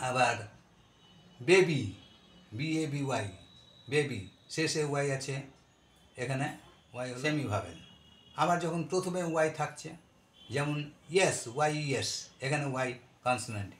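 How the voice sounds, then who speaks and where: A man teaching a grammar lesson to students. He spells words out letter by letter, stretches out his examples slowly and asks the class questions. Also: mid-range voice. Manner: addresses students directly with questions.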